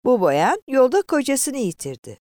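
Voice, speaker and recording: A woman voicing a rude, mocking male omnibus conductor who shouts and sneers at a passenger. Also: medium pitch, wildly swooping pitch, a little slow, dry recording, studio quality.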